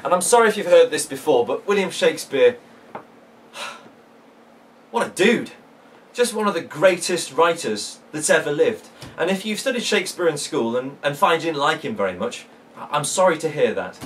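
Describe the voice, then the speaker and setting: A man's voice: mid-range voice, fairly bright tone, slight background noise. A man teaching a poetry lesson from home, chatty and enthusiastic, with plenty of fillers and restarts. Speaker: English teacher. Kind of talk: casual video lesson. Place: living room at home.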